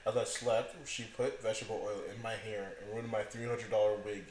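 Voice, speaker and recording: A man co-hosting a casual podcast, telling stories in animated bursts with rising emphasis. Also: on the low side, fairly quick. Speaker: podcast co-host. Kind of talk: casual storytelling chat. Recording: echoey room with faint background noise.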